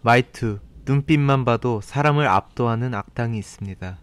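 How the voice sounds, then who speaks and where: A man's voice: medium pitch, moderate pace, clear, resonant tone. A man reading a scripted narration as a voice-over for a film ranking video. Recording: voice-over with faint background music. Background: faint music.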